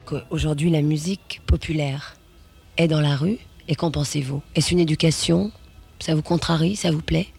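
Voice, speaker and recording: A man's voice: a little high, fairly even intonation, normal speed, creaky, darkish tone, breathy edge, faint music behind. A male interviewer asking formal, polite questions.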